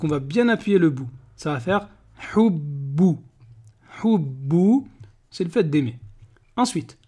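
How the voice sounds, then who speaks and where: A reading teacher talks at an unhurried, deliberate pace, sounding out syllables one at a time. The voice sits at an ordinary middle pitch. The teacher keeps pausing to check in with learners. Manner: patient, checks understanding with frequent "ok?"; reads syllable drills one by one. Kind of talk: step-by-step reading lesson.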